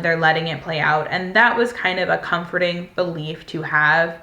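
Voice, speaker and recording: This American woman in her twenties, a vlogger, rambles candidly through a personal story, filling it with plenty of filler words. She speaks with a fairly low, bright voice and a forceful tone, recorded in an echoey room.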